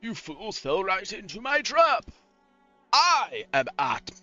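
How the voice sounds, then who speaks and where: A man voicing an evil, gloating dark elf king from a video game, with slow theatrical menace. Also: high-pitched, wildly swooping pitch, dull audio, soft background music, pitched above the performer's own voice, exaggerated voice.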